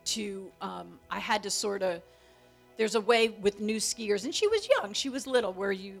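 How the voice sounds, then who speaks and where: A middle-aged woman telling a long story about her daughter in a lively, animated way, acting out quotes. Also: normal speed, creaky, faint music behind. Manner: animated, acts out quotes with big pitch jumps. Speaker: co-speaker, mother of the other speaker. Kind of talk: storytelling talk.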